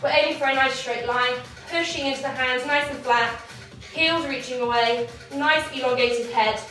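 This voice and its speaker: Young female dance teacher, high and bright, slightly out of breath, distant in a roomy space. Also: normal speed. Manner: encouraging, counts beats aloud. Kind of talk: online dance warm-up class. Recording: echoey room, distant from mic, faint music.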